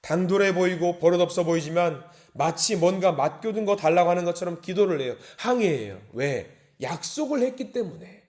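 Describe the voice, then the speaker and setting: Animated preaching man, fairly high voice. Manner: animated, acts out indignant prayers in a raised voice; reads scripture slowly and deliberately. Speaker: pastor. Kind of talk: early-morning sermon.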